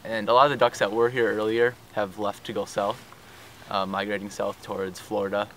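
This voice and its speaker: A young man guiding first-time hunters, giving easygoing, steady instructions in a casual outdoor chat. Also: on the low side, fairly quick, slight background noise. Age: young adult. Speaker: local duck hunting guide.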